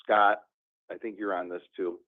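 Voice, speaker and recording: A man's voice: low voice, level tone, normal speed. A man chairing a committee meeting, chatty and joking between reports. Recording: tinny phone-like line.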